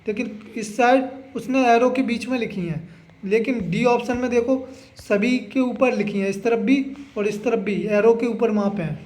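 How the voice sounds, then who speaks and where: A young man with a notably high voice runs an exam revision lesson. He moves briskly from question to question, repeats each key answer, and keeps checking in with students. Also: a little mellow. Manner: drills answers, repeats "है ना?" and urges memorizing. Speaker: exam-prep teacher.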